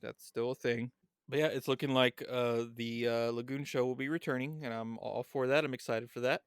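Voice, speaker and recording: A man's voice: mid-range voice, fairly even intonation, brisk, clear, resonant tone, no room sound, studio quality. A man co-hosting a podcast in a casual chat, reading background notes aloud and then chatting loosely. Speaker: podcast co-host.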